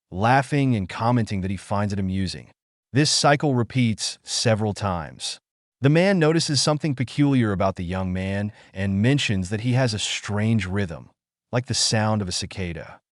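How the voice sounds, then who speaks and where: A man with a low voice narrates a story recap with dramatic flair. His intonation rises and falls widely as he reads, and the sound is dry and close with no room echo. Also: moderate pace. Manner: dramatic, expressive reading.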